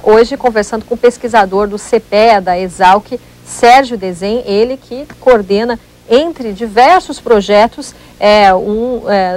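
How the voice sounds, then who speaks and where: Brazilian woman, TV interview host, slightly higher pitch, polite and steady. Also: poor audio. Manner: polite, frames questions, brief agreement cues. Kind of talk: TV interview hosting.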